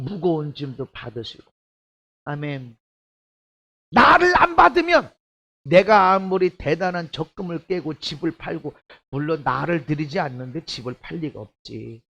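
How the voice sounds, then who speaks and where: Gravelly high-voiced preaching pastor. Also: male voice. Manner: swings from hushed asides to shouted, high-pitched preaching. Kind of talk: sermon.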